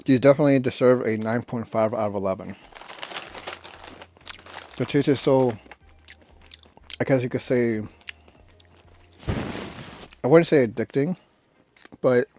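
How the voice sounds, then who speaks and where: A man's voice: mid-range voice, mellow. Rambling man reviewing snacks over noise. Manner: rambling, halting delivery with self-corrections. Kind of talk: casual unscripted food review. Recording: noisy, clicks and crinkling bag rustle. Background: crinkling snack bags and clicks.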